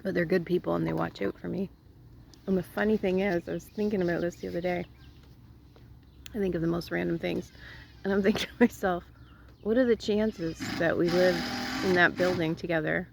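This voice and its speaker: Raspy, gravelly-voiced woman rambling casually. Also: lowish voice, a little hiss or hum. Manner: rambling, laughs often, many fillers. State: sore throat. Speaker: vlogger. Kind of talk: casual storytelling chat.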